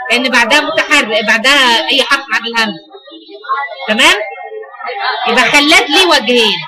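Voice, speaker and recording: A woman's voice: sits high, low-quality recording. A woman with an Egyptian accent teaching recitation variants, asking students questions and repeating their answers. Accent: Egyptian Arabic.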